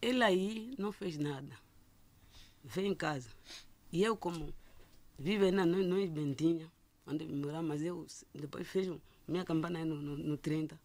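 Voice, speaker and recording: A middle-aged woman gives a personal testimony as a listener, halting and often restarting and repeating words. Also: sits low, darkish tone. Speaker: listener telling her story.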